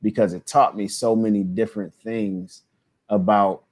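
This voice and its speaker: A man's voice: on the low side, level tone, unhurried, darkish tone. A man in his thirties hosting a podcast, talking loosely with many fillers and restarts. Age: 30s. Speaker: podcast host. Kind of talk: casual podcast chat.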